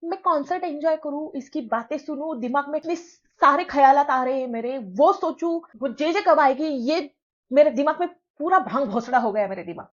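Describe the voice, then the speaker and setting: A young woman vlogger telling a storytime tale in an animated, dramatic, self-mocking way. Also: sits high, normal speed. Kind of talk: storytime vlog. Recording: dull lo-fi sound.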